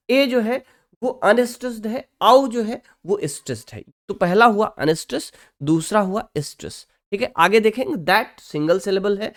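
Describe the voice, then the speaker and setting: A teacher giving an online lecture who keeps stopping for short check-ins and reads out English terms slowly, syllable by syllable. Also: medium pitch, fairly bright tone. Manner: checks in often with short confirming asides.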